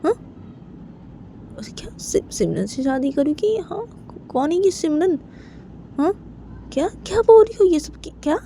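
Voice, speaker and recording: A woman's voice: high voice, expressive, a little slow, long pauses, mellow, slight background noise, pitched above the performer's own voice. A woman voicing a wealthy, doting middle-aged father who keeps asking "what is it?" in an amateur spoken story. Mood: shocked. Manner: repeats "kya hai" and "haan" after every phrase.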